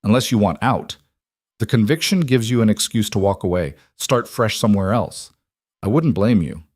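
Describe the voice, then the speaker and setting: A man voicing a calm, dry-witted crime boss who talks in a measured, wry way. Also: fairly low pitch, no room sound.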